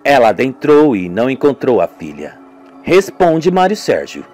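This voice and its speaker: A man with a Brazilian accent narrates an amateur radio serial from a script, acting out each character on his own while music runs in the background. His mid-range voice swoops wildly in pitch at a normal speed, with a slightly mellow quality.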